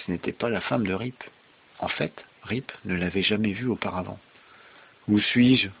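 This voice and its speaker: A man reading a bedtime story aloud to a child, with a lively reading voice and a husky, gravelly tone. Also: fairly low pitch, normal speed, muffled recording. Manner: lively reading, chats with the child between passages.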